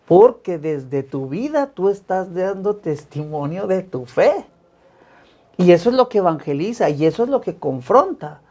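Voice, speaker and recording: Un hombre religioso católico que cuenta su testimonio de fe en una entrevista, de manera sincera y con repeticiones enfáticas. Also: male voice, high-pitched, big pitch swings, measured pace, darkish tone. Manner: earnest, emphatic repetitions. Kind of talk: personal faith testimony in conversation.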